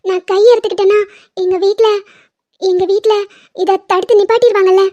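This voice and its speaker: Cartoon lead: a woman doing a pleading, tearful college girl, very high, mellow tone, dull lo-fi sound. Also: fairly even intonation, brisk. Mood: distressed. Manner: pleading, emotional. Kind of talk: cartoon drama dubbing. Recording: dull lo-fi audio.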